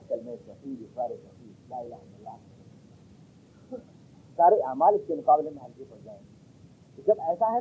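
A man delivering a Quran commentary lecture, asking rhetorical questions and swinging between loud emphasis and quiet asides. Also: high voice, husky. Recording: lo-fi muffled recording.

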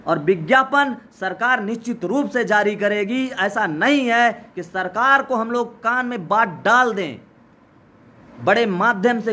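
A man speaking live as a protest organizer, urgently urging listeners to join, his voice hoarse from days of shouting. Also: high voice. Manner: urgent, exhorting, repetitive. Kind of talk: live rallying speech. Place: outdoor protest site.

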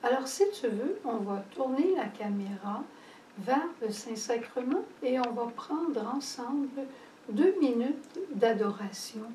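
A woman preaches a homily at a slow, measured pace, pausing often. Her voice is fairly high and mellow. She is recorded from some distance in an echoey chapel. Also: expressive, slight background noise. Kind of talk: spoken homily on scripture.

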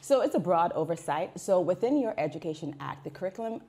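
Woman, 40s, researcher, TV studio guest, animated, low warm voice. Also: quick pace. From Bahamas. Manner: animated, gestures while talking, acts out quoted voices. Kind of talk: television interview. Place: small indoor TV studio.

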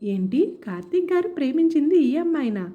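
A woman's voice: high-pitched, very animated, a little fast, narrow, tinny audio, pitched above the performer's own voice. A woman voicing a timid, hurt young wife in a storybook tale.

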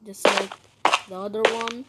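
A woman hosting a gaming channel, giving a halting, casual commentary full of restarts as she shows around a game build. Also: medium pitch, little pitch movement. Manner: halting, with many restarts and simple phrasing. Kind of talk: casual gameplay commentary, house tour. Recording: loud background noise with clicks.

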